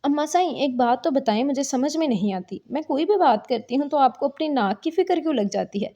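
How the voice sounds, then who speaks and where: A woman's voice: high-pitched, lively intonation, dark tone, highs cut off. Melodramatic spoiled young wife, read by a woman. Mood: whiny. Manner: whiny and melodramatic. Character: spoiled, stubborn young wife, playfully dramatic.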